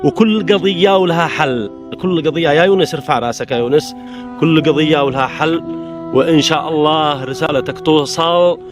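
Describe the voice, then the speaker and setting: A Yemeni man talks quickly as he hosts a casual on-location interview. He coaxes and encourages, repeating his phrases, with clear music behind his voice. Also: on the high side. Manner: encouraging, coaxing, repeats himself. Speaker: video host interviewing people outdoors.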